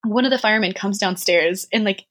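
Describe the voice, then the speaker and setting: A woman telling a story in casual chat, animated and laughing often, with many fillers. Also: mid-range voice, a little fast.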